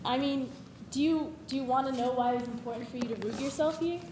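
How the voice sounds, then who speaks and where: A high-pitched, teasing older sister, played by a young woman who can turn earnest and explain patiently. Her voice echoes around a stage hall with clear background noise. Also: fast, close to an everyday voice. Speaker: student actor in a campus stage play.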